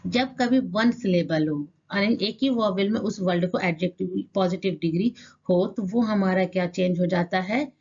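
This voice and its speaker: A woman teaching an English grammar lesson in Hindi. She reads rules out slowly, sounds out words syllable by syllable and keeps asking rhetorical questions. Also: medium pitch, a little mellow, husky, lo-fi sound. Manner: repeats rhetorical questions to the class.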